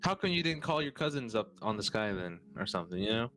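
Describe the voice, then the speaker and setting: A man's voice: lowish voice, big pitch swings, fast, music in the background. Playful male tabletop player. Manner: playful, jokey, laughs often. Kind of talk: casual tabletop role-play.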